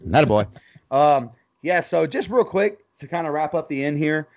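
A man's voice: on the high side, normal speed, dry recording. Casual male podcast co-host, easygoing, laughs a lot; dry, dull recording. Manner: relaxed, laughs often, says "man" and "dude". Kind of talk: casual chat reviewing a sitcom episode.

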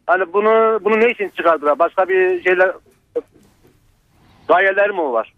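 A man's voice: high voice, moderate pace, no room sound. A man calling in to a radio show over a landline phone, hesitant and full of fillers. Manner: hesitant, stacks up many fillers. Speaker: radio caller. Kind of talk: call-in chat. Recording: tinny phone line.

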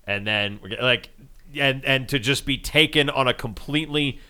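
A man co-hosting a sports podcast, talking in an animated, teasing, wry way. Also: mid-range voice, moderate pace, clear, resonant tone. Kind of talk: casual sports chat.

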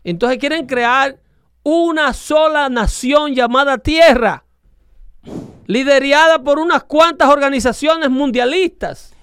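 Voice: sits high, slow pace, a bit bright, no room sound, studio quality. A speaker with a Dominican accent in casual political chat, talking in an emphatic, lecturing way and repeating phrases for stress. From Dominican Republic.

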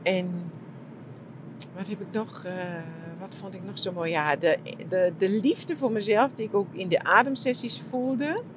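A middle-aged woman talking reflectively about her retreat, soft and searching, with many fillers and restarts. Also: mid-range voice, unhurried, noisy background. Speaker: shiatsu practitioner and podcast host. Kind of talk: reflective personal monologue.

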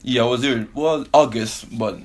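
A man who grew up in Belgium and Canada, a professional basketball player speaking as a podcast guest in a relaxed way, laughing easily. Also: medium pitch, moderate pace. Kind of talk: casual interview.

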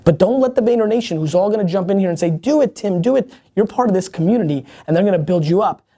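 A man with a high-pitched, dark-toned voice talks fast and animatedly while answering viewer questions as host. It is an energetic motivational Q&A, and he is blunt and emphatic, restarting sentences and cursing mildly.

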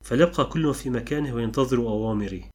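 Bossy zebra guy, full of himself, barks orders, quick husky voice, man reading him. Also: medium pitch, close to an everyday voice. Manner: shouting, domineering. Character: boastful male zebra, loud and bossy.

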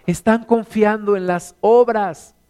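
A middle-aged Mexican man preaching a sermon as pastor, animated, acting out stories in put-on voices. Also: high voice, slow, clean tone. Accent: Mexican Spanish.

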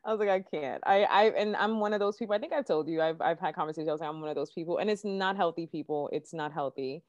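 This podcast host speaks quickly in a lowish voice, welcoming a guest with real excitement and drifting into rambling side comments. The casual chat is captured in a dry, muffled, lo-fi recording without any echo.

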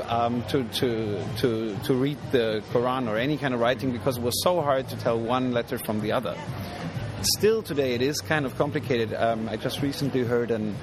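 At an outdoor art fair, a German artist explains his work in a casual interview, thoughtful and hesitant with many ums. His mid-range voice moves at a moderate pace, and the recording is noisy.

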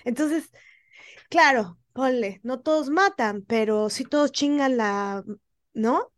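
A woman, a guest telling stories passionately and emphatically, often pausing with hesitations. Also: sits high, dry recording, studio quality. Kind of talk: conversational storytelling.

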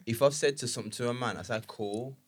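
A man's voice: medium pitch, quick pace, slightly rough. A man with a London roadman accent chatting casually in street slang, emphatic and insistently repeating his phrases. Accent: London roadman, multicultural London street English. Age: adult, married with children. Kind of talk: casual chat, slang-heavy.

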